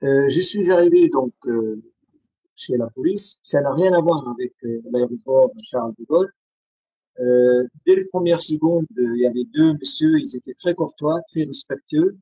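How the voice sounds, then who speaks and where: A Syrian man whose first language is Arabic speaks with a Syrian accent as an interview guest on a video call, haltingly and with many pauses and restarts. His voice is a little high and mellow with a breathy edge. The audio is poor but has no echo.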